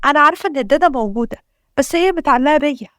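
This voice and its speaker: An anxious nanny begs to keep her job in a raised, apologetic voice, as an Egyptian woman reads her. Her words come quickly. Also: sits high, expressive, a bit bright, dry recording, clean studio sound, voice pushed up. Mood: begging. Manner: apologetic, begging.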